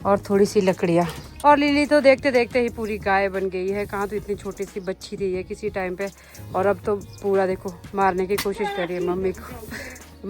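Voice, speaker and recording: A young woman, vlogging outdoors in her mountain village and chatting straight to the camera. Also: mid-range voice. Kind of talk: casual vlog narration.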